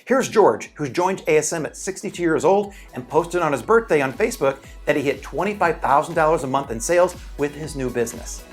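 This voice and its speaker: Scripted promo narrator, reassuring, middle pitch, music bed. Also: animated, a little fast, hardly any pauses. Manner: reassuring, answering objections.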